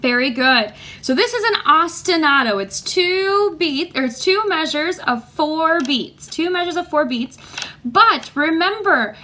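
A woman music teacher leading a children's lesson, speaking slowly and clearly and chanting rhythms for the class to copy. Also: high-pitched, bright, forceful tone.

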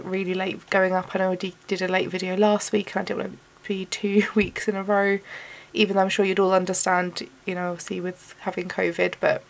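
A British woman chatting casually as a budgeting vlog host in her bedroom, sounding rough with illness and slightly wheezy. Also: mid-range voice.

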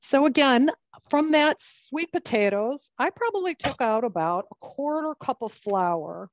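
A woman's voice: sits high, lively intonation, unhurried, highs cut off. Chatty woman teaching a cooking class. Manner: chatty, explains while working with her hands. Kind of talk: live cooking demonstration.

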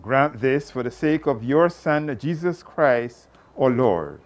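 A man reciting the committal prayer at a burial in a very slow, drawn-out solemn voice. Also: mid-range voice, animated. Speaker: officiant. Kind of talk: liturgical reading at a burial service.

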